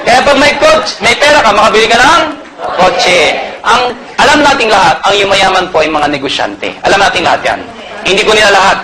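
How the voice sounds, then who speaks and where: Man from Pangasinan, high-pitched motivational seminar speaker, jokey and loud, over a loud crowd. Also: brisk. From Pangasinan, Philippines. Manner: energetic, jokey, often shouting to the crowd. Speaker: network marketing speaker. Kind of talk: motivational sales talk to a live audience. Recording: loud crowd and noisy venue.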